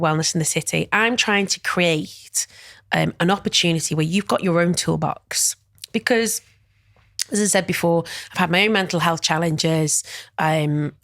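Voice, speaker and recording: With a lowish voice and studio-quality sound free of room noise, a middle-aged woman talks as an interview guest. The wellness event director is chatty and warm-hearted, frequently saying "you know" and other fillers.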